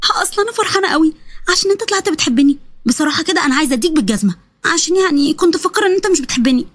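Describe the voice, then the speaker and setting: A woman with an Egyptian accent voicing a lively, teasing young woman. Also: sits high, very fast, dry recording. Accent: Egyptian Arabic. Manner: teasing, excited.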